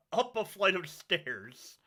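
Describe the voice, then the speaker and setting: Very bright-voiced man running a game. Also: high-pitched, very animated, drawn-out words, husky. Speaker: game master. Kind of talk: casual tabletop game narration and chat.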